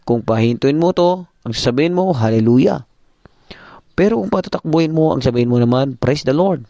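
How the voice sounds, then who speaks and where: A man's voice: mid-range voice, lively intonation, a little fast, mellow, dry recording, muffled recording, natural voice. Man doing a kindly patient pastor. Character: kindly male pastor lending his horse.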